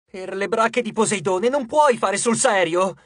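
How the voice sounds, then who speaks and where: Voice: mid-range voice, unhurried, fairly bright tone, no room sound, studio quality, voice pushed up. A narrator voicing a wry, exasperated teenage boy demigod in an audiobook. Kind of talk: audiobook character voice.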